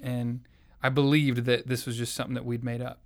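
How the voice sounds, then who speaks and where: Speaking briskly at a medium pitch with little rise or fall, this young Southern man tells his faith story in an interview. He is a young adult from the American South giving a personal testimony in conversation, earnest and reflective throughout.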